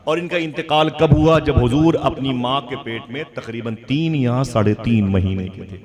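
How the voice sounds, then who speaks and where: A man's voice: mid-range voice, moderate pace. A man, preaching an emotional religious sermon at a gathering and putting questions to his listeners. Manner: swings from loud exclamations to hushed storytelling; asks the audience questions. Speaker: Islamic preacher. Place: outdoor public religious gathering. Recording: crowd noise from a public gathering. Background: crowd audible.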